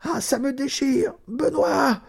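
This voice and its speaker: A man voicing a suffering young peasant woman in labour, with high strained cries and weak whispers. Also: takes it slowly, gravelly, exaggerated voice. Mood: pleading.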